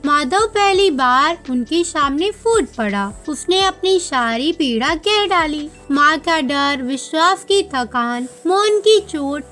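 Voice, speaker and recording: A woman narrating a devotional story in a solemn, measured way, with faint music behind her. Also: high-pitched, fairly bright tone. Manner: slow, solemn, measured delivery. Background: faint background music.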